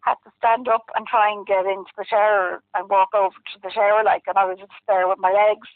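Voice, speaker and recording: A woman's voice: medium pitch, steady tone, fairly quick, no echo. West of Ireland woman, muffled phone line. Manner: rambling, conversational, with many filler phrases. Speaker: interviewee telling a personal story. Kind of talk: casual, candid personal storytelling.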